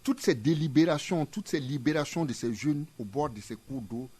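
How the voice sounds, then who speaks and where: A man's voice: on the high side, expressive, moderate pace, mellow, breathy edge. A man, a museum director explaining his ideas in an interview with emphatic, repetitive phrasing. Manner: emphatic, didactic, repeats phrases in parallel pairs.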